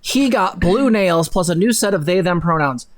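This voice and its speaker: Close to a boom-arm desk mic in a small room indoors at home, a young adult livestream co-host gives dramatic readings and opinionated reaction commentary. The mid-range voice has lively intonation and a moderate pace, delivered bluntly and emphatically with sarcasm and casual swearing.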